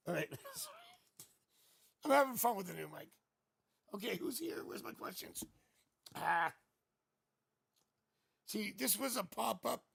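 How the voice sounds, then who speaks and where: A high-pitched man with a raspy, fairly bright voice runs a casual tarot livestream, joking and chatting playfully into his new studio mic. There's no room sound.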